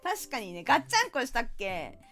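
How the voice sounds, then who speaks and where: A woman's voice: fairly high pitch, huge pitch swings, brisk, a bit bright, faint music behind. A woman streamer chatting casually while playing a party game, playful and teasing with mock-indignant outbursts.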